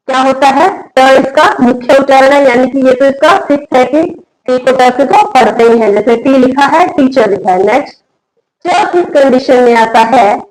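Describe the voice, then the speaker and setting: A woman's voice: sits high, poor audio. A woman teaching an English spelling lesson in Hindi, spelling words letter by letter, asking questions and answering them herself.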